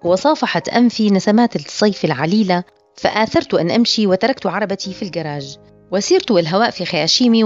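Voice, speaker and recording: A woman narrating a literary audiobook in a steady, scripted reading style. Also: mid-range voice. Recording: muffled lo-fi audio with faint music.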